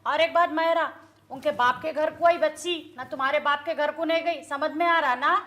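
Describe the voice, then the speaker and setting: A woman playing a shrill, bossy mother with a Hyderabadi accent. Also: steady tone, moderate pace, bright, forceful tone. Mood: scolding. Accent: Hyderabadi Urdu. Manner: scolding, domineering. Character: bossy scolding mother of the house. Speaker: mother-in-law.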